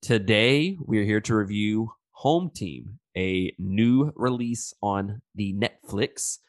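A man's voice: fairly low pitch, slow pace, no room sound, studio quality. A man hosting a movie review podcast in casual, profane slang, with a stuffed-up, pinched-nose nasal sound from a sinus infection. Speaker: podcast host.

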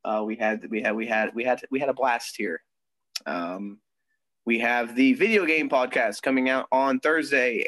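A man's voice: mid-range voice, fairly bright tone, dry recording, low-quality recording. Chatty young man on a podcast. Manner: chatty, with frequent ums and laughs. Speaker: podcast co-host. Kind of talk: casual chat. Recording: dry close sound.

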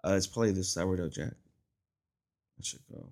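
A young man with a lowish voice chats casually as a podcast co-host. He tells his stories at an easy pace and acts out the voices of the people in them. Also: fairly quick, darkish tone. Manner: laid-back storyteller, mimics voices in anecdotes. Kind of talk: casual chat.

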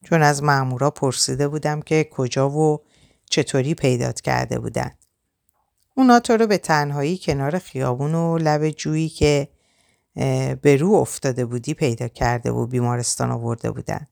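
Low gravelly woman narrating. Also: darkish tone, no echo, studio quality. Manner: dramatic, emotional reading. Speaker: audiobook narrator. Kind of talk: first-person novel reading.

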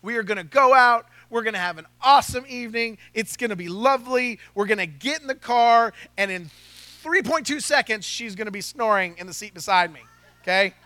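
High-voiced joking male preacher. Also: a little fast, no echo. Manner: lively and joking, acting out quotes, asking the room for responses. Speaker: pastor. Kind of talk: sermon. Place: church hall.

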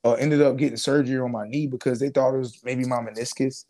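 A mid-range voice moving at a quick pace belongs to a twenty-something ex-pro football player sharing his story casually in an interview. He's relaxed and slangy, often restarting sentences and leaning on fillers.

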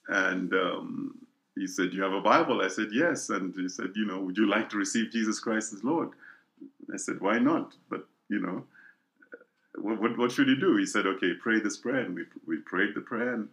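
Man, middle-aged, low voice, earnest, repeats himself, interview testimony. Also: a bit bright. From Kenya. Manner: earnest, repeats words as he thinks. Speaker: guest.

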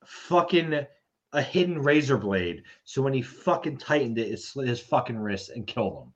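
A man's voice: medium pitch, lively intonation, moderate pace, highs cut off. A man in a casual comedic chat, ranting in disbelief and swearing freely. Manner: profane, incredulous ranting.

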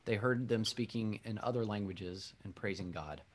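A Presbyterian pastor who also podcasts reads scripture during a church service, then earnestly welcomes and introduces a guest to begin a conversation. His lowish voice moves at a moderate pace, and he sounds heartfelt, with some restarts along the way.

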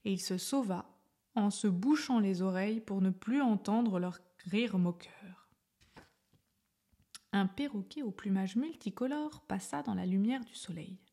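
A woman reading a children's story aloud in a soft, gentle way, often half-whispered. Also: mid-range voice, unhurried.

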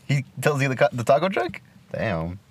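A man in his twenties chatting casually as a podcast co-host, slangy and crude, with halting phrasing. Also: mid-range voice, wildly swooping pitch. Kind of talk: casual chat between friends, with swearing. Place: inside a car. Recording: noisy, recorded inside a car.

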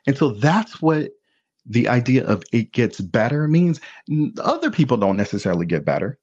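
A man telling his life story as a podcast guest, candid and animated, acting out other people's voices as he goes. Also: mid-range voice, normal speed, slightly rough. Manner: animated, acts out voices in quotes. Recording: dull lo-fi sound.

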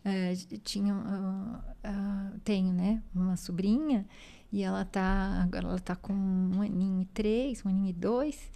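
A Brazilian woman speech therapist, a guest explaining child language milestones patiently, ending phrases with quick tag questions. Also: mid-range voice, steady tone, creaky, dark tone. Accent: Brazilian Portuguese. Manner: explains patiently, constant "né?" tags. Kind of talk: explanatory interview talk.

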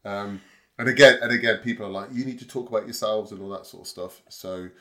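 A man's voice: fairly low pitch, fast, sharp tone. A man hosting a casual podcast chat, rambling and hesitant with many fillers and restarts. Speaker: podcast host.

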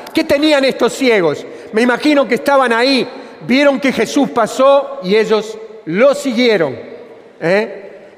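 A man preaching a sermon with a Rioplatense Spanish accent, repeating phrases for emphasis. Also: very high-pitched. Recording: long reverb of a church hall.

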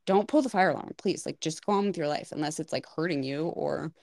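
A chatty woman with a low, gravelly voice talks through a casual podcast conversation about hair clients. Her speech is animated and full of "like" fillers. The sound is close and dry. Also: quick pace, dry recording. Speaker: podcast co-host, hair stylist. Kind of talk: casual chat.

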